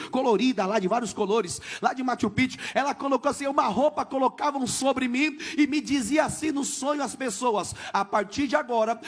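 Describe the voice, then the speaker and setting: A man in his thirties, a missionary pastor telling his story in a church sermon, acting out each exchange and building to shouts. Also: very high voice. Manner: animated storytelling, acts out dialogue, builds to shouts. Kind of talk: testimony sermon.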